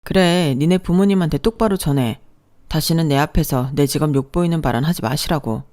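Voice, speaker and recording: A narrator doing a touchy, resentful young husband. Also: male voice, fairly high pitch, expressive, normal speed. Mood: angry. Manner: resentful, sharp, accusing.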